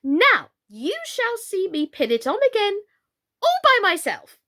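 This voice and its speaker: Scatty old queen, swooping high. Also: a little slow, full character voice. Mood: excited, triumphant. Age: older. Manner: wailing, exclamatory, squeaky when excited.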